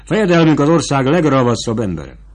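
A man voicing a cunning, world-weary male count who serves as prime minister, speaking in a dry, measured way. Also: medium pitch, very animated, pitched above the performer's own voice. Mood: wry.

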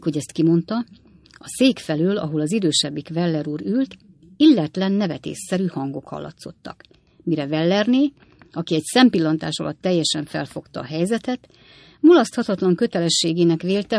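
A woman narrating a classic novel in measured storytelling. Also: fairly low pitch, vocal fry, a little mellow, dry recording. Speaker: audiobook narrator. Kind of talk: scripted narration.

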